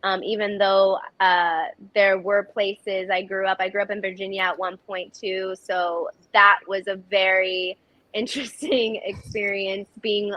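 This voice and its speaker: A woman's voice: medium pitch, flat delivery, unhurried, no echo, dull audio. A woman actress giving earnest, reflective interview answers with frequent restarts. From United States. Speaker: actress, guest.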